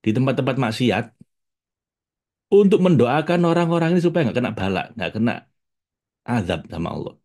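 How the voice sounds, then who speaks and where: A man's voice: mid-range voice, sing-song, brisk, long pauses, darkish tone. A man, giving a casual spiritual talk as a religious teacher, chatty and addressing his audience directly with frequent laughs.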